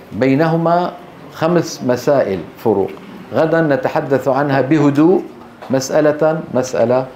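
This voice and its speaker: A middle-aged man, teaching a classroom lesson on Quran recitation rules, explaining step by step and quizzing his students with quick questions. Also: fairly high pitch, darkish tone, slight background noise. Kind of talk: classroom lecture on tajweed.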